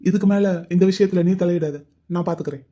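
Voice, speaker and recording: A patient, peace-making grown man in a cartoon, voiced at a middle pitch by a voice actor. He pleads gently and reasonably. He keeps trying to calm the others down. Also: fast. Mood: pleading.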